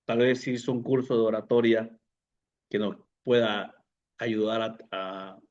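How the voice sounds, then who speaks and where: A man teaching a public speaking class to pastors, unhurried, often repeating words and putting questions to the listeners. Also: fairly low pitch, fairly even intonation, darkish tone, dull audio. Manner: unhurried, repeats words, fillers, asks the audience. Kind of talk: lecture to pastors.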